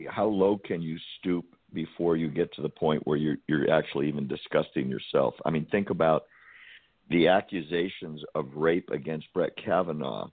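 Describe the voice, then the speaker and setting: Male talk radio host, very low voice, indignant, emphatic, tinny phone-quality audio. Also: breathy edge, dry recording. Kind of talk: call-in talk radio conversation.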